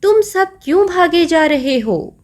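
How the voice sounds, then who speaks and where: A woman's voice: very high-pitched, lively intonation, a little slow, darkish tone, voice pushed up. A woman voicing a brave, wise male lion, king of the jungle, who asks commanding, roaring questions in a storybook lesson.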